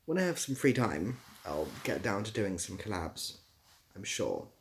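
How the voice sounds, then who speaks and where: A young British man answers his livestream audience in a relaxed, slightly meandering way, with a dry, playful edge. His fairly low voice is very animated but measured in pace, and it's creaky, with a little hiss or hum audible.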